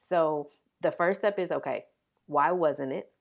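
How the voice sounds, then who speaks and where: A woman's voice: sits low, unhurried, gravelly. A woman in her thirties, a pediatric physical therapist, speaking earnestly as a guest in a podcast interview.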